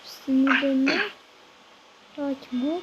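A woman's voice: sits high, little pitch movement, slow, lo-fi sound. A woman giving casual gameplay commentary, exasperated and scolding her game character. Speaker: gaming channel host. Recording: loud background noise.

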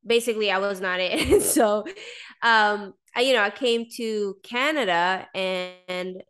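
A Swedish-raised woman in her thirties talks casually as a podcast guest over a video call from a small indoor room, a desk microphone close by in frame. Her medium-pitched voice is smooth and fairly bright at a measured pace, chatty and full of fillers and "like."

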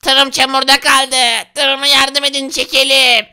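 A man's voice: extremely high pitch, monotone, a little slow, bright, forceful tone, slight background noise, exaggerated voice. A man voicing a stressed male truck driver in a game video, pleading for help and thanking eagerly. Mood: worried. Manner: pleading, then gushing thanks.

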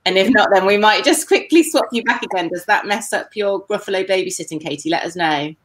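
A woman with a mid-range voice talks a little fast as she hosts an online festival from her home kitchen, captured on a laptop webcam video call. The casual livestream chat is full of jokes, fillers and laughs.

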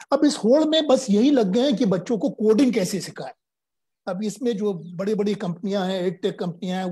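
A man's voice: high-pitched, mellow, husky. An older man from Uttar Pradesh, India, giving earnest, explanatory interview answers as a guest and slipping English phrases into his speech. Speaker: guest science popularizer.

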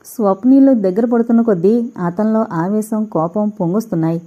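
A woman reading a novel aloud as an audiobook narrator, with steady, expressive storytelling. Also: medium pitch, a little fast. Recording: dull lo-fi recording.

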